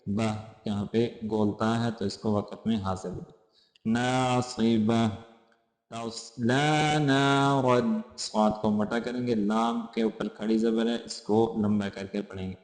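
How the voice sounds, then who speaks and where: A man's voice: on the low side, level tone, a little mellow. Man chanting verses in a reverberant room. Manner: chants verses slowly, then explains pronunciation rules briskly. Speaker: Quran recitation teacher. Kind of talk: tajweed lesson, slow chanted recitation with spoken explanation. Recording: roomy echo with long reverb.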